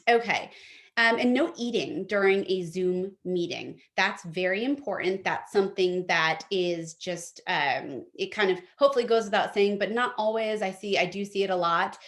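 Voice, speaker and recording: A woman's voice: medium pitch, moderate pace, a bit bright. Chatty woman teaching online etiquette. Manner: friendly, practical, chatty with fillers. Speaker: etiquette workshop presenter. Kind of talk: online workshop presentation. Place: home office by a window.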